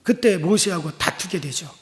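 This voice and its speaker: A pastor preaching a sermon, emphatic, with rhetorical asides to the congregation. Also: male voice, high-pitched, lively intonation, moderate pace. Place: church sanctuary. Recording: long church reverb.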